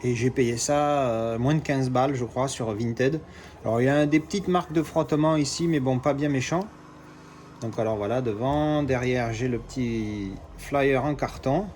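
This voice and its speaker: At a medium pitch and moderate pace, a darkish-toned man narrates an unboxing with some hiss or hum behind him. He's a collector from Marseille who keeps it relaxed and talkative, pausing, rephrasing and swearing casually.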